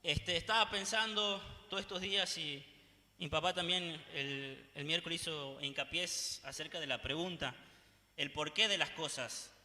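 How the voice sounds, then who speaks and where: A man's voice: a little high, moderate pace, sharp tone. A man preaching a sermon, passionate and firing off one rhetorical question after another. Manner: impassioned, piling up rhetorical questions. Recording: echoey hall with long reverb.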